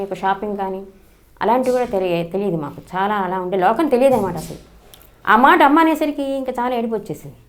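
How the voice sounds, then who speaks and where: A woman, telling a personal memory in an earnest, storytelling way. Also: medium pitch. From Andhra Pradesh, India. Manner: fast, earnest storytelling with frequent restarts. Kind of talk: personal reminiscence.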